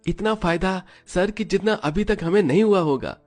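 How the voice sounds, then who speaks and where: A man voicing a builder's servile, pushy assistant in an animated story, making polite threats. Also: sits high, normal speed, soft background music, natural voice.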